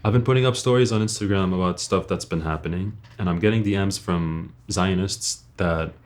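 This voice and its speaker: Speaking to camera as an online creator, a young Lebanese man with a very low-pitched voice delivers an earnest personal monologue. He is blunt and informal, talks a little fast and relies on rhetorical questions.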